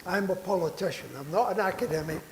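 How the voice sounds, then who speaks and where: An older man, a veteran politician, speaks earnestly and persuasively on a conference panel, repeating and restarting words to press his point. His voice is high and quick. The conference hall is echoey, with background noise.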